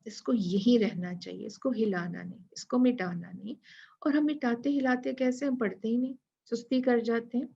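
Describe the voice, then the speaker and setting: A woman teaching a Tajweed lesson, drilling syllables slowly and repeating them for students to echo. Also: medium pitch, gravelly, darkish tone. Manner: drawn-out chanted recitation of verses. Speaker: Quran recitation teacher. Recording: dull lo-fi sound.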